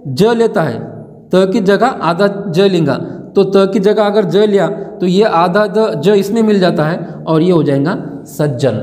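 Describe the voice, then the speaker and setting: A man's voice: sits high, darkish tone. A man teaching grammar in a classroom-style lesson, quizzing the class by asking each answer back and then repeating it. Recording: echoey room with long reverb.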